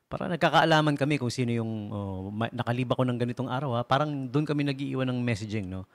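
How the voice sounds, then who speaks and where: A man's voice: medium pitch, quick pace. A man hosting a casual radio show, rambling and joking, laughing often and mixing in English phrases. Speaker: radio DJ host. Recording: radio broadcast with faint music behind.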